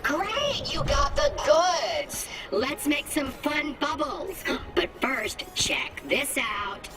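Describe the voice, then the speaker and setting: A chirpy robot turret. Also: female voice, high-pitched, sing-song, drawn-out words, full character voice. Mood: playful. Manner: eager, chatty, apologetic. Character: cheerful female robot memory with a deadly turret. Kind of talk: video game dialogue. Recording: distant voice under loud game music.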